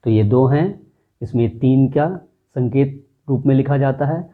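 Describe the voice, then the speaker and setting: A man teaching a classroom lesson at an unhurried, deliberate pace, stretching out each sound he demonstrates. His voice sits at an ordinary middle pitch. The audio is thin and tinny, much like a phone line. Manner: slow, drawn-out demonstration of vowel sounds.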